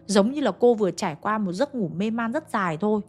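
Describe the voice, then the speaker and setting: A woman's voice: medium pitch, lively intonation, fast talker, darkish tone, faint music behind. Chatty woman telling a ghost story. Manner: chatty, addressing listeners directly. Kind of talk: ghost story narration to listeners.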